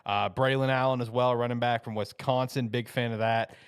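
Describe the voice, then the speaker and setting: A man's voice: medium pitch, steady tone, a little fast, clean tone, no echo, clean studio sound. A man co-hosting a casual football podcast, enthusiastic and emphatic, often tossing in "man.". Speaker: co-host. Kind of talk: casual sports podcast chat.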